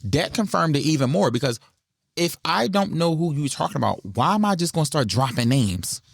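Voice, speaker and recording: Gravelly-voiced man ranting bluntly. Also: on the high side, a little fast, no room sound, clean studio sound. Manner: blunt, opinionated, animated ranting. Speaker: podcast co-host. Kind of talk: casual reality-TV gossip chat.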